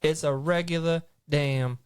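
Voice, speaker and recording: Joking contrarian podcast guy, kinda high pitched, dry close sound. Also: steady tone, a little slow, smooth, dry recording. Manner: teasing, contrarian banter. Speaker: podcast co-host. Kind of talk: casual chat.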